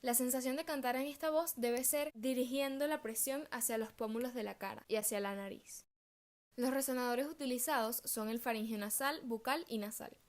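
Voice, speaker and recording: A young woman, a music student, giving a steady, carefully read research presentation. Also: on the high side, normal speed. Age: young adult.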